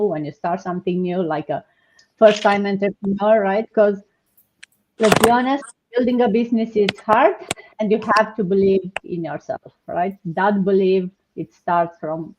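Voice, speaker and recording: A woman from Romania hosting a live online panel chat, talking warmly with many fillers and restarts. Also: mid-range voice, lo-fi sound. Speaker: host.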